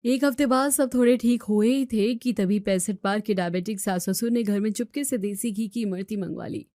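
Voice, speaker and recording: A woman's voice: mid-range voice, normal speed, dark tone, no echo, clean studio sound. A woman narrating a family story in scripted storytelling style.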